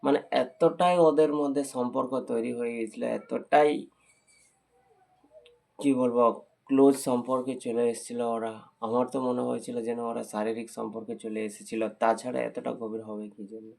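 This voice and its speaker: A man's voice: mid-range voice, flat delivery, moderate pace, gravelly, darkish tone. A young man telling viewers a personal story in a heartfelt, repetitive way. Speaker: vlogger.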